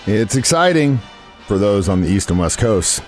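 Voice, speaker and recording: Brief: male sports radio co-host, lowish voice, joking and chatty, soft music under him. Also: big pitch swings, normal speed. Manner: joking, conversational. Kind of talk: casual sports radio chat.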